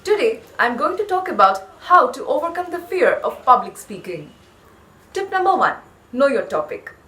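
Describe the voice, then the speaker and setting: A woman's voice: sits high, big pitch swings, moderate pace, bright, forceful tone. A woman presenting scripted tips in an instructive, point-by-point way. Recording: echoey room.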